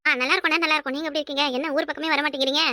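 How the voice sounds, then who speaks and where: A woman's voice: high-pitched, little pitch movement, very fast, pushed and bright, no echo, studio quality. A woman voicing a practical, scolding village woman named Rani in a cartoon, with a southern Tamil Nadu rural accent. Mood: polite. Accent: southern Tamil Nadu rural dialect. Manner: scolding, worldly. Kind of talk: cartoon voice acting.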